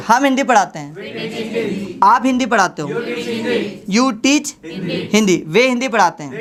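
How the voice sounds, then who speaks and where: A woman with a voice on the high side runs an English grammar drill in a classroom full of students, slowly repeating each sentence for the class to echo. She scolds her pupils fondly, calling them kids, while a loud chorus of students chants answers.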